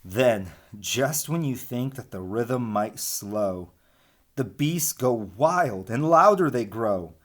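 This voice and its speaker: Taking it slowly in a mid-range voice, a man reads aloud to young children as their elementary school teacher. His rhyming delivery of the picture book is expressive, and he addresses the children with casual, chatty asides.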